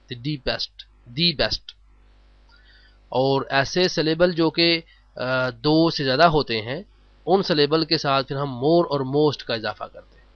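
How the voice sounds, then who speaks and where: A man's voice: medium pitch, dry recording. Man teaching grammar, dry dull sound. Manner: explains in Urdu with slow, drawn-out English phrases. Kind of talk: classroom-style lesson.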